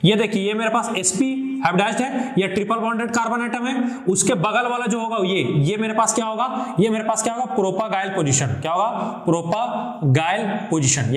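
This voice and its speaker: A male chemistry teacher with a fairly high voice lectures his students. He keeps asking questions and answering them himself, calling the students fondly. The sound is roomy, with a noticeable echo. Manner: repetitive call-and-response questioning; affectionate addressing of students. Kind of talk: classroom lecture.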